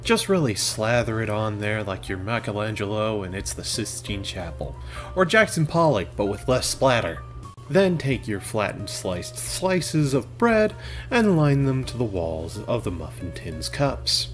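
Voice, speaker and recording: A young man talks viewers through a recipe in a comedic voice-over, his pitch swinging widely from line to line. He slips deadpan jokes between the steps and now and then bursts out in mock exasperation. Soft music plays behind him. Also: measured pace. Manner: deadpan jokey asides, sudden bursts of exasperation. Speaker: cooking video host. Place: home kitchen.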